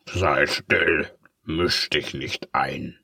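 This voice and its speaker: A man voicing a sly, sinister ink-eraser pen in a dark, scratchy, slow whisper for a storybook. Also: a bass voice, husky, no room sound, studio quality, full character voice. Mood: menacing. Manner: slow, creeping, hissing.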